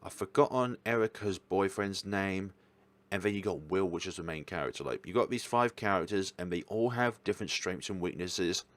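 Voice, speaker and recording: Here a low-voiced man speaks at a moderate pace while hosting a ranking of visual novels. He chats casually, rambling and correcting himself in an eager but hesitant way.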